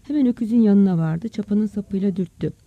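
A narrator reading a village story aloud as an audiobook in a steady storytelling manner. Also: medium pitch, brisk, no echo. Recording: dull, dry close recording.

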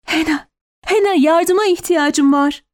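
A woman voicing a terrified young mother clutching her baby, pleading and shouting in panic. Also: very high voice, fast, voice pushed up.

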